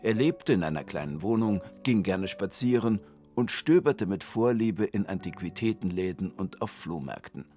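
Brief: expressive low male narrator for a children's radio story, faint music bed. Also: normal speed.

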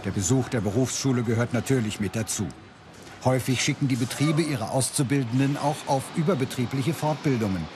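A man delivering clear, measured scripted narration for a documentary. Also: medium pitch, music in the background.

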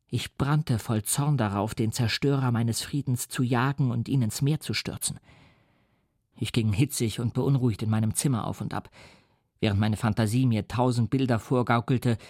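A man reading a gothic novel aloud in first person, measured and tense. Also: medium pitch, darkish tone, no echo, clean studio sound. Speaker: audiobook reader. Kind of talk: scripted first-person narration.

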